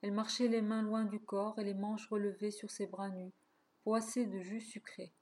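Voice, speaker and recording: A woman narrating a classic short story in a measured, expressive reading. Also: mid-range voice.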